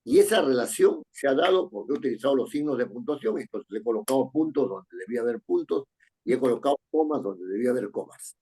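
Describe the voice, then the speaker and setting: A man's voice: mid-range voice, lively intonation, fast talker, warm tone, breathy edge. A man teaching writing in an online class, explaining step by step and checking in with his students.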